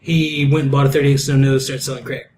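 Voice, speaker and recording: A young man co-hosting a casual podcast chat, talking quickly and swearing casually. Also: medium pitch, flat delivery, darkish tone, echoey room. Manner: quick, profane, conversational. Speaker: podcast co-host.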